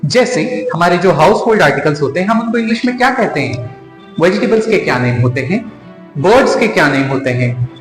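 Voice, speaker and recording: Indian man teaching, lively high voice. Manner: explains step by step, addresses viewers as friends. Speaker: English teacher. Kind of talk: classroom-style lesson. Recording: echoey room with long reverb, faint music.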